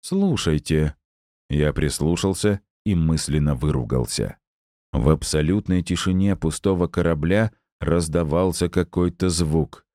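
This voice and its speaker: Male narrator, very low voice, dark mellow tone, steady storytelling, first-person audiobook. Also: a little slow, dry recording, clean studio sound.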